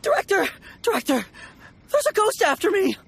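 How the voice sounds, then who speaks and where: A man's voice: very high-pitched, wildly swooping pitch, normal speed, creaky, a bit bright, exaggerated voice. A man playing a timid, polite young rookie undertaker in a video game, formal and easily spooked. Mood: terrified. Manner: stammering, formal, jumpy. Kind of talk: video game character dialogue.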